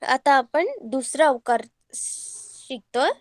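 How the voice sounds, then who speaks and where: A woman teacher giving an online Hindi lesson to children, reading words slowly and repeating them for her pupils. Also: high voice, no room sound.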